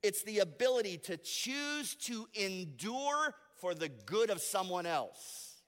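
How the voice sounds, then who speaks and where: A man preaching a sermon as pastor, moving between soft, intimate asides and loud, emphatic declarations. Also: sits high, sing-song, slow, long reverb tail.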